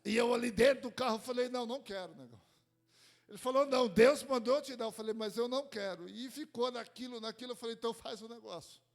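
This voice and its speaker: A man's voice: very high voice, fast talker, creaky. A man from Brazil, a pastor, preaching a sermon and telling a personal testimony, repeating phrases for emphasis.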